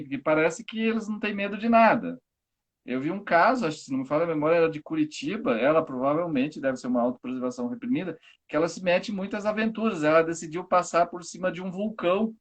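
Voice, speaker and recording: A man, a teacher and guest on a live stream, explaining ideas in a casual, lively way and acting out everyday examples. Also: high voice.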